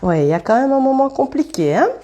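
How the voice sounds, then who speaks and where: A woman with a mellow, warm voice gives a relaxed card reading on a live stream. She talks loosely and thinks out loud, breaking off to greet viewers by name. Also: high voice, fast.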